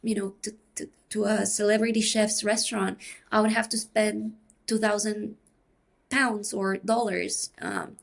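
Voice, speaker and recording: A woman from Peru, explaining her academic research in a measured, thinking-aloud way as a podcast interview guest. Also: mid-range voice, vocal fry.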